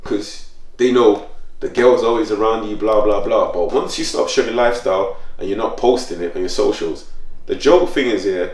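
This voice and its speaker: A man's voice: on the low side, normal speed, far from the mic. A man telling stories in casual chat, full of slang, his voice jumping up when he gets worked up. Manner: animated storytelling with slang, voice jumps up when worked up. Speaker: podcast host. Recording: roomy sound, a bit off the mic.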